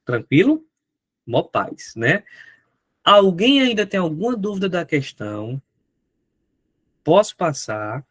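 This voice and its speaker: Lively joking teacher. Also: male voice, on the high side, slow pace, pauses often, breathy edge, no room sound. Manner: chatty, joking, talks to viewers in chat. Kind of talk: live online exam-prep lesson.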